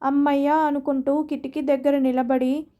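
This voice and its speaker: Storyteller, woman, high and flat, steady measured narration.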